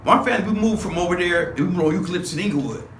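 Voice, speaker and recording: A high-pitched, a bit bright male voice races along as a man in his sixties from Los Angeles reminisces in an interview, full of street slang, rambling and restarts. The recording is echoey with a distant mic and a little hiss or hum.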